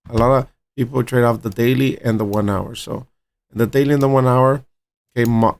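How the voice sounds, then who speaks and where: An upbeat man with a mid-range voice hosts a crypto trading channel, giving live commentary as he walks through charts. He keeps checking in with "all right" and "right" and addresses viewers directly as "my friends" and "guys."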